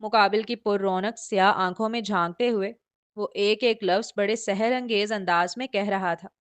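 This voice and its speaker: A woman's voice: mid-range voice, clear, resonant tone. A woman narrating a romance novel in a flowing, descriptive storytelling manner. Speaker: audiobook narrator.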